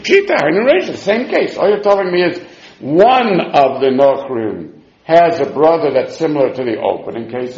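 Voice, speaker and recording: A man's voice: fairly high pitch, a little mellow. A man with giving an informal religious text lesson, reasoning aloud in a sing-song way as he asks and answers his own questions. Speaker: Talmud teacher. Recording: dull, echoey room recording.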